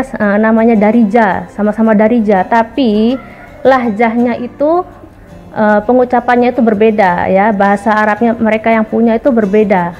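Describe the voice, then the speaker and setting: A woman's voice: on the high side, a little mellow. A woman vlogger talking casually to her viewers, explaining points one by one in a chatty way. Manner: chatty, addresses viewers as guys, lists points. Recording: muffled audio with faint background music.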